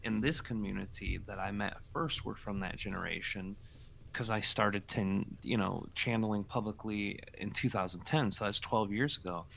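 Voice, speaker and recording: A man in his forties co-hosting a casual livestream chat, talking in a reflective, unhurried way with trailing fillers. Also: fairly low pitch, gravelly, fairly bright tone, slight background noise. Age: 40s. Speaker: co-host, channeler.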